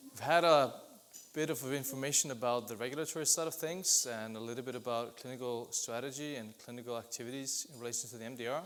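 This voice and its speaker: Man giving a conference talk. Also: mid-range voice. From Iceland. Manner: steady explanatory delivery with occasional restarts. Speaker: business development lead presenting at an industry event. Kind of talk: conference presentation.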